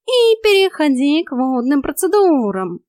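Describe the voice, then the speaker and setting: A woman's voice: sits high, very animated, unhurried, a little mellow, dry recording, studio quality, pitched above the performer's own voice. A woman voicing a cheeky male talking cat who teases like a bossy fitness coach in an audiobook. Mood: mocking. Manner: teasing, bossy drill-instructor banter. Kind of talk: audiobook character voice.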